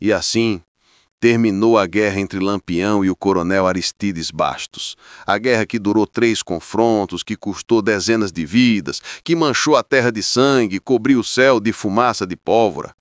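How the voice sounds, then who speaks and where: A man's voice: fairly low pitch, moderate pace, dry recording, clean studio sound. A man giving a dramatic scripted narration, solemn and rhythmic, building emphasis through repeated phrases. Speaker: storyteller.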